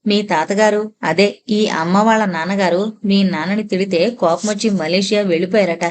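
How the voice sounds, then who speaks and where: A woman's voice: medium pitch, steady tone, normal speed, natural voice. A woman narrator voicing a kind adult man who explains things patiently and soothingly. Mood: consoling.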